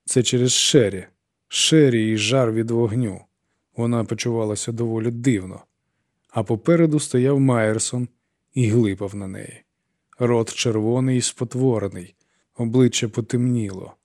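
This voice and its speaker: A man narrating an audiobook in an even, measured storytelling voice. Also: mid-range voice, dry recording, clean studio sound.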